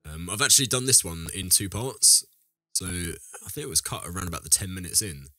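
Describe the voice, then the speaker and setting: A man's voice: sits low, animated, fairly quick, sharp tone, no echo. A man, audibly ill, chatting casually through a game and rambling with self-corrections as he addresses viewers. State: ill, deeper voice than usual. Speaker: let's play host. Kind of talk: casual gameplay commentary.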